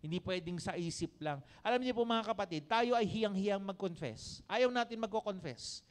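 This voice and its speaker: A middle-aged Filipino man preaching a sermon in church, questioning his congregation and rising loud to drive points home. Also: high-pitched, moderate pace, clear, resonant tone. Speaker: pastor.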